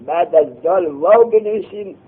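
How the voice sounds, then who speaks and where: A man teaching a grammar class, quizzing his students with quick questions, answering them himself and scolding them to put things away and listen. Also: high-pitched, slightly rough. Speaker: seminary teacher. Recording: tinny phone-like lo-fi recording.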